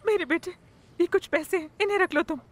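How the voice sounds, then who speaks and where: A woman's voice: extremely high pitch, fast talker. An actress dubbing a grieving mother who pleads tearfully for her son. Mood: tender. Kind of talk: Urdu film dubbing.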